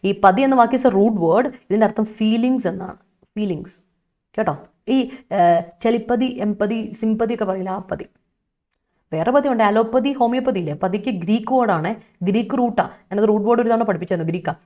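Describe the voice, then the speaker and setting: A young woman with a Malayali accent teaches English vocabulary in an online exam-prep class, chatty and coaxing as she repeats the main points. Her mid-range voice is dark in tone and moves fairly quickly.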